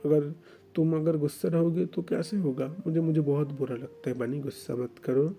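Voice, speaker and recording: A possessive young fiancé, played by a male storyteller, who coaxes and soothes his partner. His voice is dark and mellow, with faint music in the background. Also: on the high side, fairly even intonation, moderate pace, gravelly. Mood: coaxing. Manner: soft coaxing, soothing.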